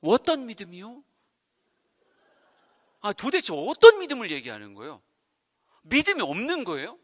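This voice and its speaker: A middle-aged male pastor giving a lively revival sermon, acting out quotes and talking straight to the congregation. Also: high voice, moderate pace. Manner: animated, acts out quotes, chats with the congregation. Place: church sanctuary. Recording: long church hall reverb.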